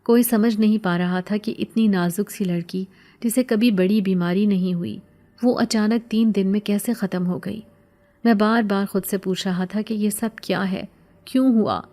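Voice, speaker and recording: A woman narrating a scripted horror story in a steady, solemn first-person voice. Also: mid-range voice.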